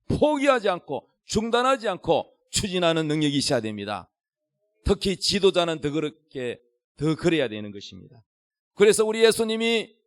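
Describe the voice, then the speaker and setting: A man's voice: high voice, no echo, studio quality. A middle-aged male pastor preaching a sermon, emphatic and repeating his key phrases with big rises and falls.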